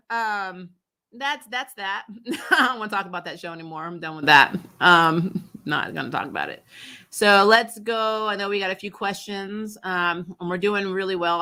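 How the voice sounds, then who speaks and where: A woman hosts a casual fan recap livestream, offering candid, emphatic opinions in slangy, chatty commentary. Her voice is lowish, with a bright, forceful tone.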